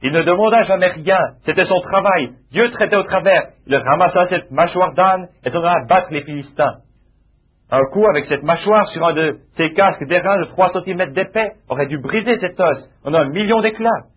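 A man's voice: sits high, moderate pace, husky. A man preaching a sermon with emphatic, repetitive phrasing that rises into exclamations. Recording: tinny lo-fi phone-like sound.

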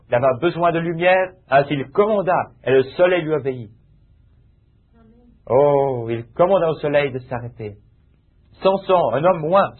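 A man's voice: on the high side, husky. A man preaching a sermon with emphatic, repetitive phrasing that rises into exclamations. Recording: tinny lo-fi phone-like sound.

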